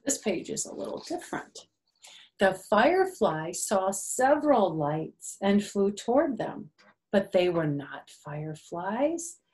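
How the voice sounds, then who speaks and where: A very animated older woman takes her time reading a picture book to young kids, her mid-range voice dark-toned. She phrases things simply and pauses for little questions and asides to the children.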